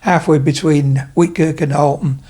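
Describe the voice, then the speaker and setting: A retired tradesman of about seventy, from Leeds, England, is interviewed casually at his home for a podcast. His voice is on the high side but dark and slightly rough, with fairly even intonation and normal speed. His storytelling rambles and digresses, with plenty of fillers.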